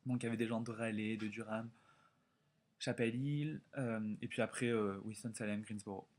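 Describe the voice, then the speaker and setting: A young man in his twenties from France telling a story in a casual vlog, animated and chatty with lots of quoted dialogue. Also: fairly low pitch, moderate pace. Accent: French. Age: 20s. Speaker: vlogger.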